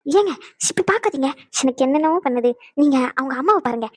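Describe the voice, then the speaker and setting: A woman's voice: sits high, animated, fast talker, darkish tone, no echo, clean studio sound. A woman voicing a cheeky, clever young wife who teases and plays up her acting, for a cartoon. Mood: teasing. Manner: playful, teasing, theatrical.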